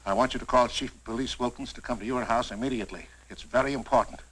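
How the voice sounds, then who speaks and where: An actor playing a confident, brisk businessman in 1940s horror film style, crisp and authoritative. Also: mid-range voice, fairly bright tone, poor audio. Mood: urgent.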